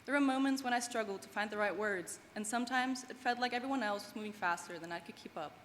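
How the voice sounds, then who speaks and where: A young woman from Germany, speaking English as a second language, gives an earnest, heartfelt prepared graduation speech at a quick pace. Her mid-range voice is a bit bright. The large hall adds long reverb, with faint noise in the background.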